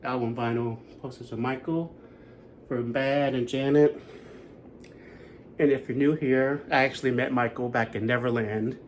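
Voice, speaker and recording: A man's voice: mid-range voice, a little hiss or hum. A man in his thirties giving a chatty, rambling recap of a concert he went to. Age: 30s. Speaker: concert vlogger. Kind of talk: casual chat.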